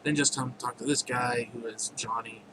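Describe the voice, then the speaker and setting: A man's voice: mid-range voice, steady tone, normal speed. A man casually walking through his own game, rambling with jokey asides, over a noisy recording. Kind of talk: casual gameplay commentary.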